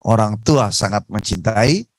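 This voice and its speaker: A man preaching on a radio talk show, telling stories in a lively, emphatic way. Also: lowish voice, measured pace, no room sound, low-quality recording. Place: radio studio.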